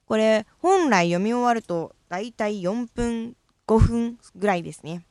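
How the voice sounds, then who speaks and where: A woman's voice: fairly high pitch, animated, a little slow, a little mellow, dry recording. A young woman from Fukuoka with a Fukuoka accent, hosting a casual solo chat and talking about her tongue-twister practice in a chatty, self-deprecating way. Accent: Fukuoka Japanese. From Fukuoka, Japan. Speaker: host.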